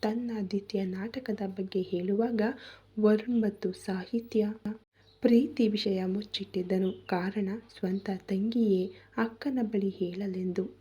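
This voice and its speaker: A woman narrating a scripted story in a soft, near-whispered reading voice. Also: medium pitch, steady tone, unhurried, husky, highs cut off.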